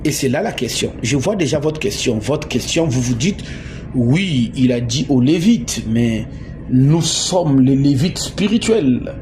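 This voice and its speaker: A man's voice: mid-range voice, lively intonation, measured pace, a little mellow. A man from Congo preaching a sermon, emphatic, repeating words and asking his listeners questions. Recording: noisy background.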